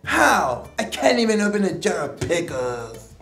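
A man's voice: high voice, big pitch swings, measured pace, creaky, fairly bright tone, echoey room, soft background music, exaggerated voice. A man voicing a touchy, easily dejected orange worm puppet with slangy, exclamatory talk in a children's sketch.

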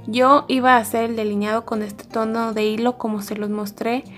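A woman teaching embroidery step by step in a calm, methodical way. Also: a little high, moderate pace, soft background music. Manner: calm, methodical, repeating each stitch step. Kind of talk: step-by-step craft tutorial.

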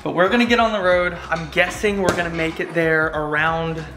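In this nighttime travel vlog, a twenty-something guy talks cheerfully into a camera he holds at arm's length, in a car and a parking lot. His pitch sits on the high side, his tone stays steady, and he speaks fairly quickly over music.

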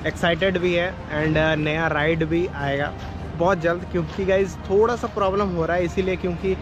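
A man's voice: high voice, steady tone, normal speed, lo-fi sound. A young man chatting casually as he rides a motorbike, mixing English words into his talk and laughing often, recorded on a helmet mic. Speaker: motovlogger. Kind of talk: casual motovlog chat while riding. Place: outdoors on a road, riding a motorbike. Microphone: helmet-mounted mic. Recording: wind and traffic noise on a road. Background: traffic and wind.

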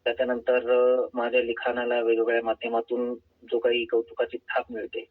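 A man calling in to a radio phone-in program as an author and poet, speaking over a phone line in a measured, earnest way. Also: medium pitch, monotone. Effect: heard over a phone line. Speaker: author and poet, guest caller. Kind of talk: phone-in interview answers.

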